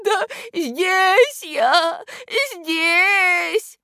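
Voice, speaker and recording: A woman's voice: extremely high pitch, lively intonation, slow pace, no echo, studio quality, voice pushed up, heavily acted. A woman voicing a frightened, tearful female letter T who cries out from out of sight. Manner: tearful wailing.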